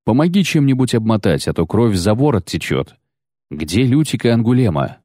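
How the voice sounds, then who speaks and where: Geralt, a man reading him, deep and curt. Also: big pitch swings, moderate pace, warm tone, no room sound, clean studio sound. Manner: curt, cold and grumbling. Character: gruff terse grown male monster hunter.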